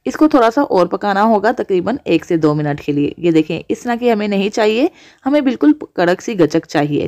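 A woman's voice: mid-range voice, a little mellow. A woman hosting a cooking channel, explaining each step of a recipe to viewers. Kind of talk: voice-over recipe instruction.

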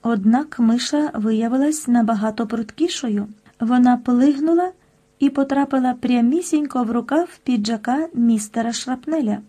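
A woman narrating a children's audiobook in a lively, expressive storytelling manner. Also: fairly high pitch, husky.

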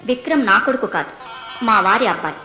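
An actress playing a weary young second wife, quiet bitter replies, echoey old film audio, faint music. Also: female voice, on the high side, big pitch swings, fast. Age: young adult. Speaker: witness in court. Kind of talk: 1970s Telugu film acting.

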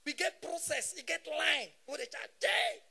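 Soft music plays in the background as a thirty-something man does stand-up in a Nigerian Pidgin English accent. His voice is very high-pitched and creaky at normal speed, and he's animated, yelling his punchlines.

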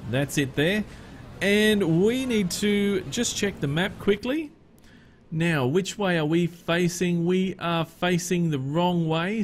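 A man's voice: high-pitched, a little hiss or hum. A man with an Australian accent, hosting a gaming channel and chatting loosely while he plays, thinking aloud as he drives. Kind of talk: casual let's-play commentary.

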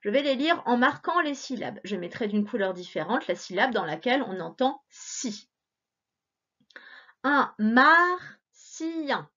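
A woman's voice: medium pitch, animated, moderate pace, few pauses, breathy edge. A woman teacher giving a remote reading lesson to young children, sounding out words syllable by syllable in a patient, encouraging way. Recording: dull lo-fi recording.

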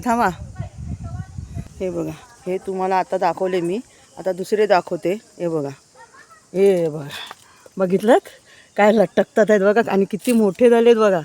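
With a medium-pitched, slightly mellow voice, she walks through village gardens vlogging on her phone. This adult married woman keeps talking to her viewers and drawing attention to things along her casual tour.

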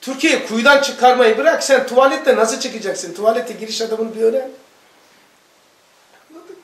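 A man's voice: very high-pitched, normal speed. A middle-aged man, a religious teacher, giving a sermon and telling stories that he acts out in dialogue. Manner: animated storytelling, acts out dialogue. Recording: echoey room, voice from far off.

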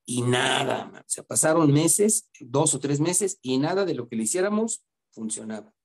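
A middle-aged man, a therapist earnestly telling a story from his practice and often pausing to seek agreement. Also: medium pitch, lively intonation, vocal fry. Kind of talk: storytelling talk.

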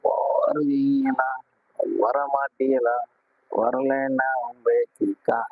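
A man hosting a casual live stream, greeting viewers warmly and repeatedly asking them to like and subscribe. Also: medium pitch, flat delivery, drawn-out words. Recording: tinny phone-like sound.

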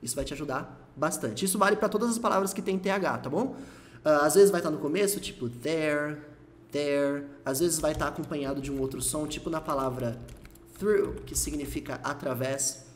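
Lively Brazilian man teaching English sounds. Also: a little high, a little hiss or hum. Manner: lively, demonstrates English words slowly and repeatedly. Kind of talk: casual video lesson.

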